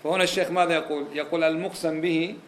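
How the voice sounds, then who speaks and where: A religious teacher races through a Quranic exegesis lesson in a slightly high, steady voice. Going point by point, he repeats key phrases and asks his listeners rhetorical questions.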